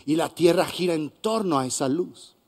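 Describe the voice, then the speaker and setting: A man with a Colombian accent preaching a sermon as pastor, swinging between hushed and loud passages. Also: fairly high pitch, expressive, normal speed, breathy edge. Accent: Colombian Spanish. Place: church hall.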